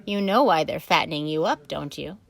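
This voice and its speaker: A woman voicing a blunt, worldly old female sheep who delivers bad news loudly and matter-of-factly. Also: sits low, animated, a little fast, creaky. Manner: blunt, matter-of-fact, loud. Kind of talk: storybook reading.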